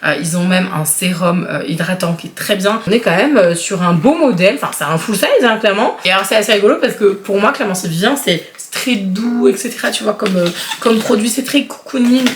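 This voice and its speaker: Thirtysomething woman vlogging, gushing about skincare, lots of euh, roomy echo, medium pitch. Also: a little fast, hardly any pauses, slight background noise. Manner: chatty, enthusiastic, many fillers. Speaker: beauty vlogger. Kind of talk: casual unboxing chat.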